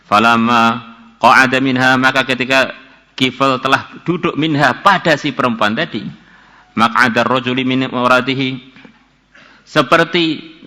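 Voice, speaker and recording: A man's voice: medium pitch, sharp tone. An older man from Indonesia, preaching and explaining Arabic text in a religious class. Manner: reads Arabic phrases then paraphrases them, acts out dialogue in a raised voice. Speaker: kyai teaching a religious class.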